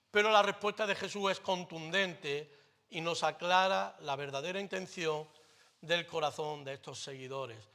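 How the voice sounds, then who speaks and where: Un pastor con acento de España predica en una iglesia con voz algo aguda y enérgica, de timbre brillante. Alterna frases fuertes y rotundas con apartes en voz baja, casi confidenciales. De vez en cuando suelta un comentario con humor sin perder el tono de sermón. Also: male voice, sits high. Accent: Spain Spanish. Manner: emphatic preaching that swings between loud declarations and quiet, close asides; lighthearted jokes mixed into the preaching. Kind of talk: sermon. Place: church. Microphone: microphone.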